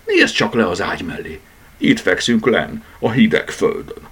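A man's voice: on the low side, very animated, a bit bright, slightly rough, pitched above the performer's own voice, heavily acted. Man doing a huffy teddy bear. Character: grumpy, literal-minded female teddy bear.

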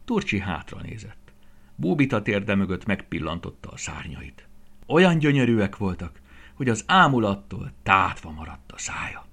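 A man reading a children's story aloud in an expressive way, sometimes dropping to a soft whisper. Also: low voice, slightly rough.

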